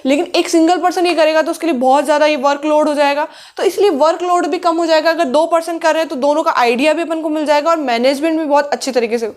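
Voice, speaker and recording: High-voiced woman teaching a commerce lesson. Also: fairly even intonation, fast, hardly any pauses. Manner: repeats questions to herself and answers them. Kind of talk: classroom lecture.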